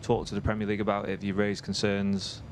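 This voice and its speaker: A man's voice: on the low side, completely flat delivery, fast talker. Male reporter off-mic in a noisy room. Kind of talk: press conference question.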